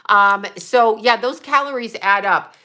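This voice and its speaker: A woman in her fifties hosts a casual livestream, speaking a little slowly in a fairly high, sharp voice. Blunt and profane, she answers viewer comments and trash-talks trolls between chatty tips.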